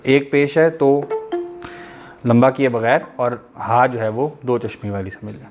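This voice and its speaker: A man teaching Quran recitation, correcting pronunciation patiently and modelling words slowly. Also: medium pitch, music in the background. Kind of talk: correcting pronunciation in an online class.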